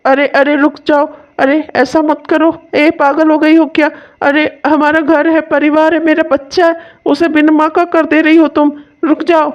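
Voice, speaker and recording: A woman's voice: high voice, little pitch movement, normal speed, lightly acted. A woman voicing a weary young father in a cartoon who pleads and then gives up on marriage. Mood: pleading. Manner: pleading, resigned. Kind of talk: cartoon voice acting. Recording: dull lo-fi sound.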